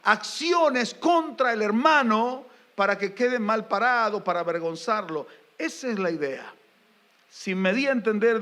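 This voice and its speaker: A pastor preaching a sermon to his congregation, animated and emphatic, asking rising questions and mixing in jokes. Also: sits high. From Argentina.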